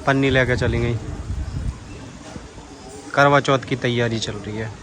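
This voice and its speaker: A man's voice: mid-range voice, steady tone, a little slow, noisy background. A young man with a Bundeli accent, vlogging casually at home and teasing the children playfully. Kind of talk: casual family vlog narration.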